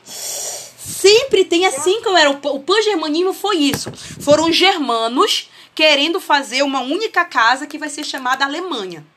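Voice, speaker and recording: A woman's voice: high voice, expressive, normal speed, fairly bright tone, a little hiss or hum. A woman with a Brazilian accent teaching a history class over a video call, explaining with homely family comparisons and often checking that students follow.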